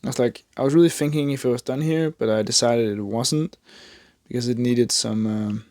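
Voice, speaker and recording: A young man from Denmark, speaking with a Danish accent, talks casually over his drawing in a rambling, joking, self-mocking way, with many fillers and false starts. His mid-range voice is a little mellow with fairly even intonation at normal speed, and the studio-quality audio has no room sound.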